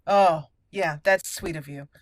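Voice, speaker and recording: A woman hosts a roleplay let's play on YouTube, chatting playfully and thinking aloud as she comments on the game. Her voice is on the low side and unhurried, with no room sound.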